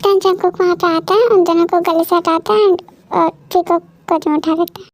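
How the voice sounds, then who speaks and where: A woman's voice: very high-pitched, steady tone, brisk. A woman narrating a fan love story and speaking the heroine's lines in a scolding, caring way. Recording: faint music underneath. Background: soft background music.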